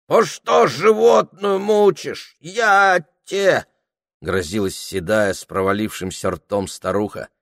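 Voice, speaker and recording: A man reads an audiobook in a measured, expressive way, with a lowish voice. His pace is unhurried and deliberate. The sound is close and dry. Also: no room sound. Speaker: narrator. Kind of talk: audiobook narration.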